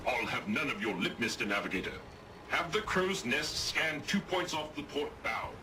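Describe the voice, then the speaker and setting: An actor playing a pompous, old-fashioned robot naval captain in a video game, with theatrical gentlemanly diction. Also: male voice, mid-range voice, normal speed, noisy background, natural voice. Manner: grandiose, lively commanding delivery. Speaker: ship's captain.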